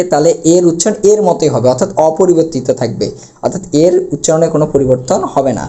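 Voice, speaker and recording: A man's voice: a little high, dark tone. A man teaching an online grammar lesson, explaining patiently and repeating key words, with frequent fillers.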